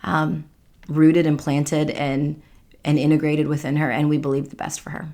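A woman's voice: sits low, level tone, moderate pace, warm tone. A woman talking reflectively and earnestly in a conversational podcast discussion. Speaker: podcast speaker, author.

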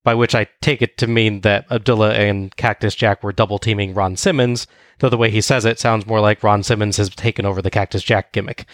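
A man's voice: on the low side, steady tone, brisk, no echo. Dry-voiced man recapping wrestling. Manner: dry, wry play-by-play. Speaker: podcast co-host recapping wrestling. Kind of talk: casual recap narration.

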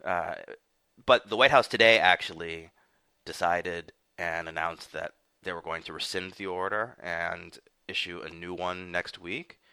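Guy hosting a podcast, low crisp voice, rambly with lots of uhs. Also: fairly even intonation, unhurried, sharp tone, dry recording. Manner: rambling recap with many fillers and restarts. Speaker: podcast host. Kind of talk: casual political podcast chat.

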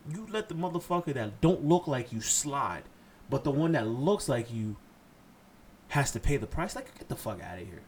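A man's voice: medium pitch, very animated, normal speed, slight background noise. A man from Haiti hosting a solo podcast, blunt and impassioned, cursing freely as he lectures his listeners. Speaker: podcast host.

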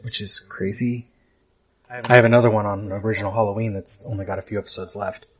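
A chatty male podcast host with a slightly low voice, talking over a video call. His delivery is casual and easygoing. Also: flat delivery, quick pace, lo-fi sound, crowd noise. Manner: chatty, self-deprecating, laughs easily.

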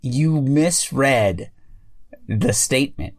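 A man co-hosting a casual gaming podcast, teasing the others with quick reactions. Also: medium pitch, lively intonation, no room sound, clean studio sound.

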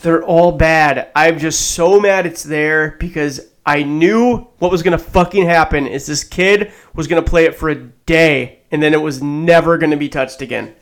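A man in his thirties with a slightly higher voice rants through a story on a casual podcast. He swears constantly and grumbles about everyday annoyances. His delivery is loose and conversational. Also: moderate pace, few pauses. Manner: profane, ranting storyteller. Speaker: podcast co-host. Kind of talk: casual chat.

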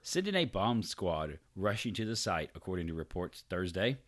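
A man's voice: low-pitched, very animated, normal speed. A man co-hosting a podcast, reading odd news stories aloud and joking with loose, profane asides. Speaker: podcast co-host.

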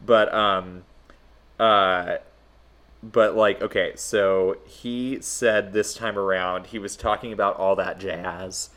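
Low-voiced man, rambling podcast host. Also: fairly even intonation, slow pace, fairly bright tone. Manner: hesitant, rambling, filler-heavy. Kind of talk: casual film-history chat.

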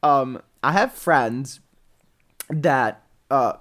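A man's voice: mid-range voice, extremely slow, fairly bright tone. A man in his forties co-hosting a podcast in casual, campy, rambling chat. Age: 40s. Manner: campy, rambling, mock-serious. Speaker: podcast co-host.

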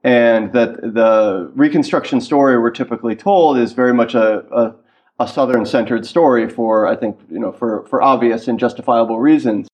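A man's voice: medium pitch, moderate pace, darkish tone. A man from Washington, D.C. answering interview questions thoughtfully over a remote line, with fillers and restarts. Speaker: guest historian. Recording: dull lo-fi call-in line.

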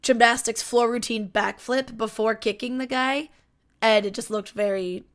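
A woman's voice: on the high side, fairly even intonation, moderate pace. A woman co-hosting a podcast, chatting casually and animatedly about a wrestling match, full of fillers and asides. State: yawning and hiccuping. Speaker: podcast co-host.

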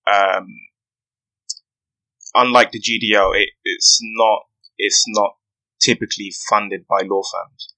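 A young man, giving an earnest, measured account as a podcast interview guest. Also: lowish voice, little pitch movement, pushed and bright, low-quality recording. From West London, UK. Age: 20s. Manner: earnest, measured storytelling with frequent "you know". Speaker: guest, aspiring barrister.

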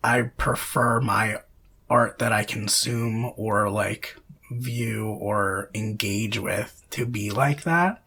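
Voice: medium pitch, slow pace, pushed and bright, breathy edge. A podcast co-host chatting casually about films, rambling with lots of fillers and self-corrections. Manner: laughs often between phrases.

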